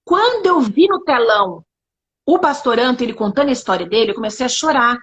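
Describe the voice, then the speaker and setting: A Brazilian woman, a guest in a casual interview, telling her testimony as an animated storyteller who acts out the dialogue. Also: a little high, brisk, slightly rough.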